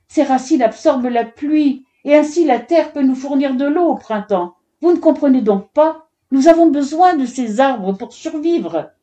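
A woman's voice: sits high, animated, a little slow, hardly any pauses, warm tone, pitched above the performer's own voice. A woman reading a storybook, voicing a desperate village mother who implores the men. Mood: pleading. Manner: pleading, imploring.

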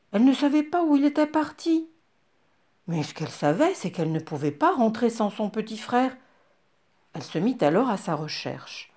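A woman narrating a children's story, asking her listeners questions along the way. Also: mid-range voice. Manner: lively, asks listeners questions.

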